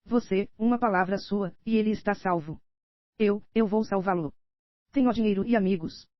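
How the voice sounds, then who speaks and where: A woman's voice: mid-range voice, moderate pace, dry recording, close to an everyday voice. A Brazilian woman voicing a scheming older nobleman in an audiobook, read steadily in her own voice, slightly dull and dry. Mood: pleading, insistent. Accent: Brazilian Portuguese.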